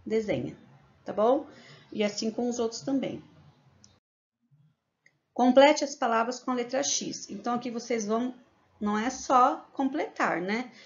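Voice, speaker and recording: A Brazilian woman teaching a remote lesson to young children, reading word lists slowly and clearly, then explaining tasks briskly. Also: a little high, lively intonation, muffled recording. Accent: Brazilian Portuguese.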